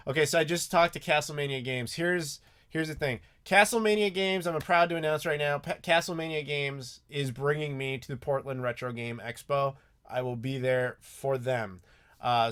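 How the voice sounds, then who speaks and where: This YouTube host, an American from the United States, chats loosely with his live stream audience, full of ums and false starts. He has a mid-range, fairly bright and smooth voice. Keyboard clacks from his mechanical board come through the desk mic.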